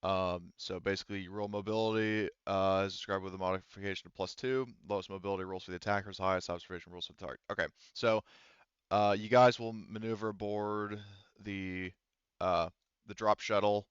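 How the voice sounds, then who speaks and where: This game master has a deep, resonant voice with a flat delivery and a brisk pace, sounding clear. He hosts a tabletop roleplaying game, chatting casually and hesitantly thinking aloud over a slightly dull online voice chat, and the recording is dry.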